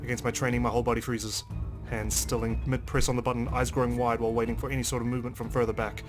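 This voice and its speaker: A gaming video host with a mid-range voice reads game narration aloud expressively and dramatically, though his delivery comes out flat and fast. Game music plays behind him.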